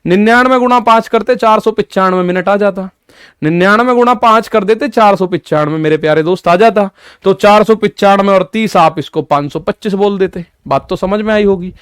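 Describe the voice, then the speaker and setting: A man's voice: sits high, normal speed, a bit bright, smooth, dry recording, clean studio sound. A male maths teacher giving an exam-prep lesson, explaining step by step, repeating key points and talking directly to his students.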